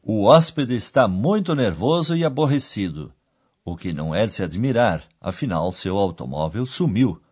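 A man hosting a radio language course, explaining clearly in a didactic, scripted narration. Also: fairly low pitch, expressive, normal speed, a little mellow.

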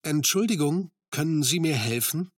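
A man models phrases for a language lesson in a mid-pitched, husky voice. He speaks very slowly and deliberately, and the recording is dry and close. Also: lively intonation, no echo. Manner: slow, deliberate enunciation. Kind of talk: slow model pronunciation.

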